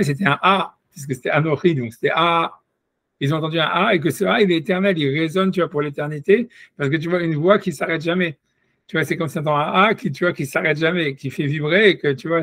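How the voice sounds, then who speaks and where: A man's voice: fairly high pitch, a bit bright, no echo. A man giving a rambling, casual Torah discussion, full of restarts and asides to his listener. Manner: rambling, many restarts and "tu vois". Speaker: Torah teacher.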